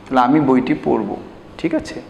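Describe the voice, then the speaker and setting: A man teaching a grammar lesson to a class. He patiently asks questions, answers them himself and slows down to spell out examples, in a Bangladeshi Bengali accent. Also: mid-range voice, creaky, darkish tone, a little hiss or hum. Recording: echoey room with long reverb.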